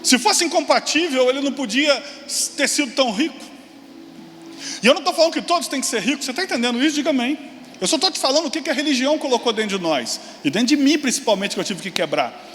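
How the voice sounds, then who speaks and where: A pastor, forty-something, preaches in a very high, lively voice marked by leaping, excited exclamations and quick asides. Faint room noise hums beneath the long reverb of the large church hall where he delivers his sermon.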